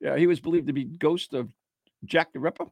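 A gravelly, husky man from the United States, his voice sitting a little high, casually reading out ghost stories and cracking jokes with a co-host. He recites the tales, then drifts off into banter. The recording is dry and close. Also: a little fast, no echo. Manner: chatty, joking, slips into playful high voice.

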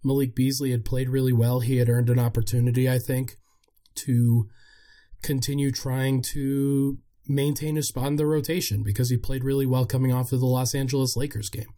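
Hoarse, gravelly-voiced man hosting sports podcast. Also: mid-range voice, steady tone, normal speed, mellow. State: sick, with a hoarse, worn-out voice. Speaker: podcast host.

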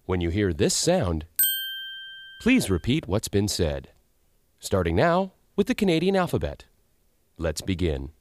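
Fields: exasperated man, very lively pitch, in a mock language-tape comedy sketch. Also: measured pace, pauses often, slight background noise. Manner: exasperated straight man, pitch swings widely.

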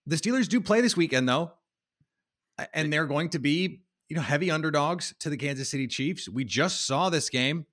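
A man hosting a sports podcast, reading news and asking questions in a measured way. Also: a little high, expressive, fairly bright tone. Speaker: podcast host.

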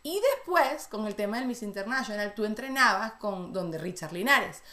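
A Venezuelan woman hosting a casual interview, chatty and quick to laugh. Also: medium pitch, lively intonation, pushed and bright. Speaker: host. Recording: roomy echo.

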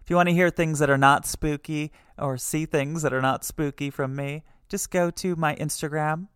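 Woman podcast host, chatty and animated, lots of fillers, casual and excitable. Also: deep voice, normal speed, smooth. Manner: chatty, animated, with many fillers and little squeals. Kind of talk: casual chat.

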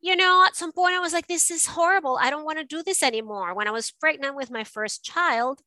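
A woman's voice: high-pitched, fairly quick, pushed and bright, no echo, poor audio. A middle-aged woman from Venezuela, a guest in an interview, telling her story in a reflective way with frequent restarts. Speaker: guest, art advisor. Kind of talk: casual interview.

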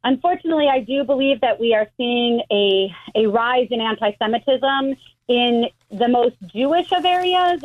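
A middle-aged American woman, a rabbi, explaining things in a measured way with frequent restarts over the phone. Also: fairly high pitch. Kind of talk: phone interview. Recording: tinny phone line.

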